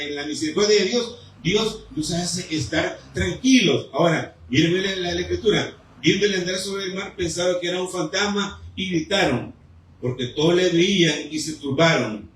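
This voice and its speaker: A man preaching a fervent sermon in a church, his voice pitched high. He builds his appeals through repetition and pauses. The sound is very echoey, caught from some distance in the hall. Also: a bit bright, slight background noise. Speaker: pastor. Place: church sanctuary.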